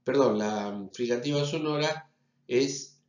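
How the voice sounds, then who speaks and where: Slow Rioplatense man lecturing, echoey room. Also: medium pitch. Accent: Rioplatense Spanish. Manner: explanatory, checks in with frequent "¿sí?". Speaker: university lecturer. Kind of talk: recorded phonetics lecture. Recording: echoey, slightly dull recording.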